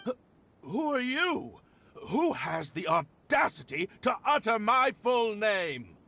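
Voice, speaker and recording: A man's voice: high-pitched, big pitch swings, slow pace, creaky, pushed and bright, exaggerated voice. An actor playing a stiff, formal young aristocrat man who has been stuck in a trap, speaking in game voice acting. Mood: haughty. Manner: pompous and formal, turning to flustered pleading.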